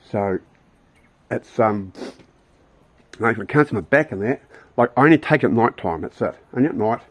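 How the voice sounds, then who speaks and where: A man's voice: medium pitch, dry recording, highs cut off. An older man, chatting blunt and rambling to camera outdoors on his rural property. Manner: rambling, blunt, with many restarts. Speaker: vlogger. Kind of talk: casual chat to camera.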